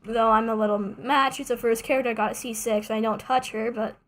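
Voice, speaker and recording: A young woman's fairly high voice moves a little fast with fairly even intonation. Streaming gameplay, she chats casually, rambling and making fun of herself with joking asides.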